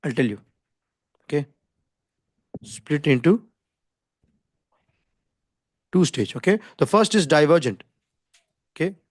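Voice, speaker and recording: A man's voice: fairly high pitch, animated, slow, pauses often, no room sound, studio quality. A man with an Indian English accent teaching a live online design class informally, in an insistent, repetitive way, often checking that listeners follow. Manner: didactic, insistent, repeats himself, often checks with "okay?". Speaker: design skills instructor. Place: online video call with screen share.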